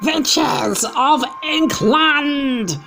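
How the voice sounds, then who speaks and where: A woman voicing a furious female witch leader who screams and rants slowly at her followers in an audiobook, over music. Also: high-pitched, expressive, background noise, voice pushed up, heavily acted. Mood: ranting. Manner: screaming, drawn-out, ranting. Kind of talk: audiobook character voice.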